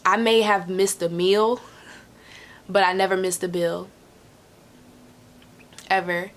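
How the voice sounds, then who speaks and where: A woman's voice: medium pitch, steady tone, takes it slowly. A woman answering viewer questions in a casual, candid way, repeating phrases for emphasis and swearing freely. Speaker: host of a Q&A.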